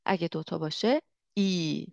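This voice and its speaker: A woman teaching a language lesson, patiently explaining and slowly repeating sounds. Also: fairly low pitch, gravelly, no room sound. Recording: dull, dry lo-fi recording.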